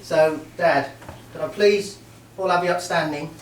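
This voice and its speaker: At a wedding reception, a middle-aged Merseyside best man delivers his speech in a slightly high voice. He's warm and full of jokes, though he stumbles along with frequent ums. It's recorded from a distance in a spacious hall, and there's faint noise.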